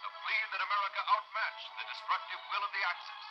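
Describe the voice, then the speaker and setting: A high-pitched man booms through an old newsreel soundtrack in the declamatory manner of a 1940s announcer. Music plays clearly behind him the whole time. His delivery is grand and formal. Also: flat delivery, fast, highs cut off.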